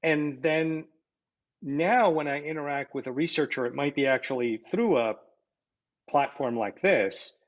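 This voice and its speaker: A man's voice: a little high, measured pace. A man hosting a podcast interview, asking questions hesitantly with many fillers and false starts. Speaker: podcast host. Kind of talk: conversational interview. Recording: dull lo-fi audio.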